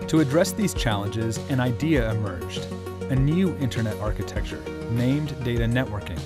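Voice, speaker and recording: A man's voice: medium pitch, lively intonation, moderate pace. A man reading a scripted explainer as its narrator. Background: prominent guitar music.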